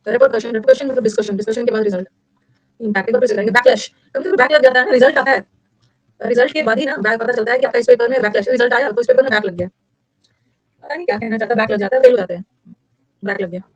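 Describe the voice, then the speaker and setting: A woman teacher running a lively classroom lecture, drilling vocabulary with repetition and mnemonics. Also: quick pace, no room sound. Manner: energetic, repetitive, with sudden high-pitched emphasis. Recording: dull lo-fi dry recording.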